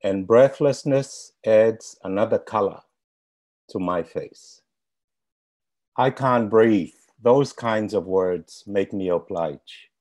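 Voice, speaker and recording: A man with a somewhat low voice speaks very slowly. He recites a poem in a measured, rhythmic way, offered as a benediction to close an online forum. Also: darkish tone. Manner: slow, measured poetic recitation. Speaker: stand-in poet.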